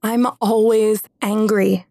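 A woman voicing a weeping, angry lion who is the narrator's sister, speaking slowly and with despair. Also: mid-range voice, flat delivery, warm tone.

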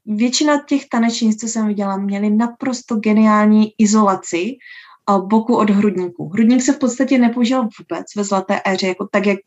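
A woman who teaches dance, answering interview questions in a slow, thoughtful way with many filler sounds. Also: mid-range voice. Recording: dull lo-fi sound.

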